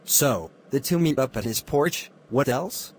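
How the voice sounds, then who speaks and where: A man's voice: medium pitch, animated, a little slow, breathy edge. A man playing a formal, businesslike police officer questioning witnesses in a murder mystery film.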